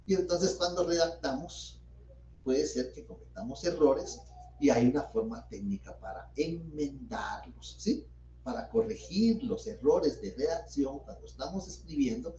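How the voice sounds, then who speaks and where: A man's voice: on the high side, big pitch swings, a little slow, dark tone, slight background noise. A middle-aged man teaching a law class as a notary, explaining step by step and asking his own questions before he answers them. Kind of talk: university lecture. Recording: dull roomy audio from a distant mic.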